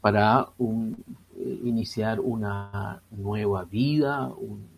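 A man's voice: fairly low pitch, fairly even intonation, creaky, over music. A Chilean man in his sixties, a priest speaking as a guest in a radio interview, hesitant and full of fillers. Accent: Chilean Spanish. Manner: slow and hesitant, many fillers.

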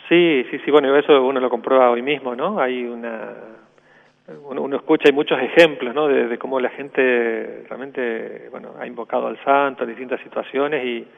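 An Argentine priest from northern Santa Fe gives a radio interview by phone, repeating words and adding "¿no?" again and again. His mid-range, gravelly voice has fairly even intonation and a moderate pace, sounding tinny over the phone line and as if in a large hall.

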